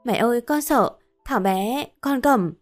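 A woman's voice: on the high side, animated, unhurried, faint music behind. A woman voicing Sinh, a frightened young daughter-in-law who screams and pleads in panic. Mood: sobbing pleading.

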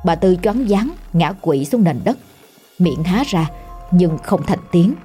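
A woman with a Southern Vietnamese accent narrating a scripted horror story in a steady, somber way. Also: lowish voice, takes it slowly, faint music behind.

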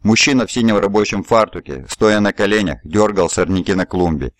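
A man narrating an audiobook in an even, measured reading voice. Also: lowish voice, dry recording. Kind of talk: scripted narration.

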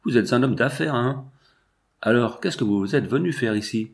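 A man's voice: lowish voice, animated, a little fast, vocal fry. A man reading aloud and voicing a sarcastic, mocking male Salvation Army officer in an audiobook.

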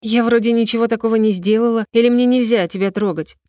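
A woman's voice: on the high side, steady tone, quick pace, mellow, no room sound, clean studio sound, voice pushed up, natural voice. A woman doing a teasing young heroine. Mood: coy.

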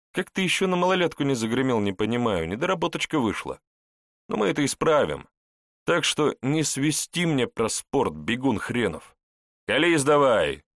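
A man voicing a coarse, mocking male police investigator who talks in gruff slang, in an audiobook. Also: on the low side, a bit bright, no echo, studio quality, voice pushed up.

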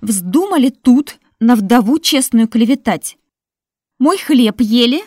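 A shrieking merchant widow, loud and high, her voice ringing with fear, as a woman reads her in a storybook. She wails her words in a dry, close recording. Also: animated, takes it slowly, no echo. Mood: wailing. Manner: shrieking, wailing. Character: shrill frightened merchant widow, middle-aged.

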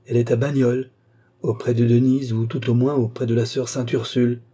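Guy reading an earnest young man in love, firm and respectful, dark husky voice. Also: medium pitch, flat delivery, a little fast, lightly acted.

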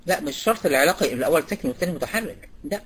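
Her voice is low and husky, and she speaks very fast and with animation. She's an Egyptian Arabic-accented woman leading an online recitation lecture, calling on students by name to quiz them and going back over the main points.

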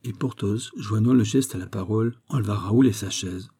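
A man narrating a classic novel as an audiobook in a steady, measured way, with a husky voice. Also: fairly low pitch.

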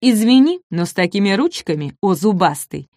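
A woman's voice: medium pitch, sing-song, normal speed, darkish tone, no room sound, studio quality. A woman voicing a small, clever young male dinosaur in a children's storybook, sly and bold.

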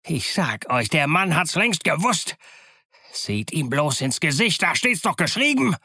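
A man's voice: very animated, a little slow, bright, forceful tone, husky, dry recording, studio quality, heavily acted. A man voicing a shrieking, ambitious pirate ringleader rousing his crew. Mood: agitated. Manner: shrill, screeching.

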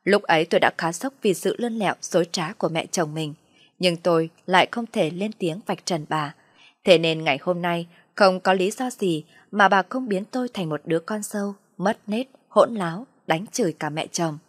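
A woman narrating a first-person family story in a calm, reflective way. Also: lowish voice, moderate pace, no echo, studio quality.

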